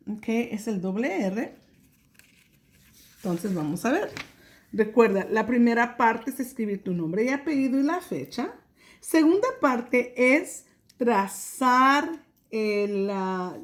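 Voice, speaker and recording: A woman's voice: on the high side, a bit bright. A woman teaching a remote kindergarten lesson, speaking patiently and drawing out sounds for young children. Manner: slow, patient, drawn-out sounds, checks in with "ok?".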